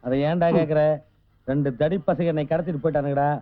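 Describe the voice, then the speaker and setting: A man plays a sly older man who fires off deadpan jokes at a rapid clip, his voice sitting a little high. The sound is thin and phone-like, film audio with faint music under it. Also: lightly acted. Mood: bantering. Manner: quick deadpan wisecracks. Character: wily older man, cheerfully unbothered. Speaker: comic film character. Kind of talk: comic film dialogue.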